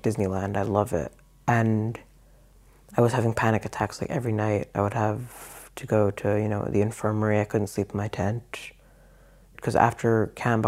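A man's voice: creaky, darkish tone. A man giving a frank, reflective personal account in an interview. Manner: reflective, frank, low-key. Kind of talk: candid personal testimony.

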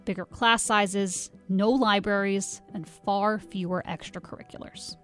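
A woman reporter giving scripted narration in a clear, even storytelling delivery. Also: medium pitch, measured pace, soft background music. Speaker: radio reporter.

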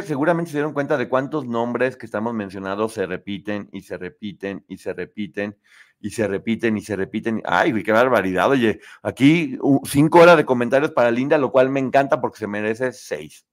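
A man with a Mexican Spanish accent hosting a live stream, chatting with viewers, reading their comments aloud and laughing often. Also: medium pitch. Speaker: host.

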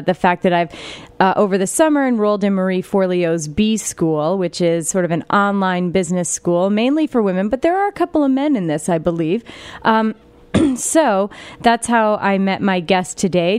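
A woman's voice: mid-range voice, a little mellow, smooth, dry recording. A woman hosting a podcast interview, chatting casually with fillers and restarts. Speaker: podcast host.

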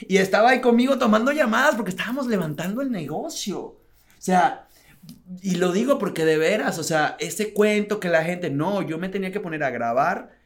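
A man with a somewhat high voice recounts his story in a relaxed interview. He talks with animation, acts out what people said and often breaks into laughter. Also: fairly quick. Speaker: guest entrepreneur.

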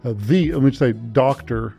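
A man's voice: medium pitch, moderate pace, gravelly, mellow, soft background music. A man hosting a podcast, chatting in a loose, upbeat way and poking fun at himself. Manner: upbeat, loose, self-deprecating. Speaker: podcast host, university president. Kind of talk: casual podcast chat.

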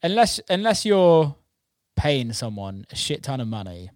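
Very animated yet a little slow, his mid-range voice has a slightly mellow quality, heard in clean studio sound without room ambience. The man, a podcast host and music producer who runs a record label, rambles casually and informally about his work and the music scene, throwing in the odd swear word.

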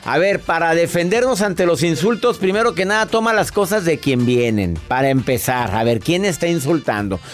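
A man's voice: fairly high pitch, expressive, moderate pace, few pauses, faint music behind. A man hosting a radio call-in show, chatting playfully and acting out little dialogues. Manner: playful, laughing, acts out dialogues. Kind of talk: radio call-in chat and advice. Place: radio studio booth.

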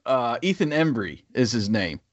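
A man co-hosting a podcast, chatting casually and rambling with many pauses and fillers. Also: mid-range voice, sing-song, dry recording, lo-fi sound. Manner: rambling, hesitant, lots of fillers. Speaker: podcast co-host. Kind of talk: casual chat.

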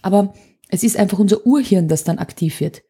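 A woman's voice: mid-range voice, fairly quick, warm tone, breathy edge. A woman, an anger coach talking in an interview, explaining emphatically with vivid examples. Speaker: anger coach, podcast guest. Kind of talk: conversational interview.

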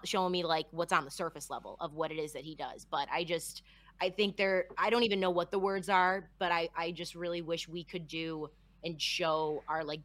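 A woman's voice: sits low, fairly bright tone, no echo. A woman of about thirty chatting on a podcast, earnest and joking. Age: 30s. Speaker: co-host. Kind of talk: casual podcast chat.

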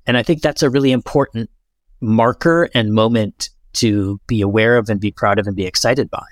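A man's voice: fairly low pitch, normal speed, dry recording, studio quality. A man interviewing in a conversational, enthusiastic and affirming way.

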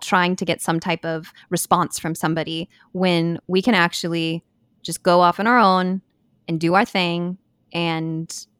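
A woman co-hosting a casual podcast chat, acting out quoted thoughts in a raised voice. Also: no echo. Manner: animated, acts out quotes in a high voice. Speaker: podcast co-host.

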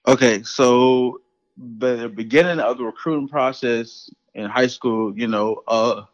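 A man's voice: mid-range voice, steady tone, a little slow, highs cut off. A man from South Carolina answering interview questions in an easygoing, hesitant way. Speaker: interview guest, athlete. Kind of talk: casual interview.

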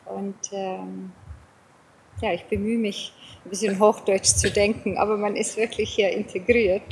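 A woman's voice: medium pitch, flat delivery, unhurried, gravelly, darkish tone, low-quality recording. Interview guest, mature woman, English accent in German with Bavarian colouring, hesitant phrasing, some noise behind. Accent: English-accented German with Bavarian touches. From South Africa. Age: middle-aged or older. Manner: hesitant, searching for words, repeats phrases. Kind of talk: casual conversational interview.

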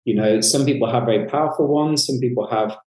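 Male clinical psychologist, mellow reflective talker with casual asides, recorded with roomy echo. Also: medium pitch, fast. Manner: reflective, with frequent "you know" asides. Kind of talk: conversational interview explanation.

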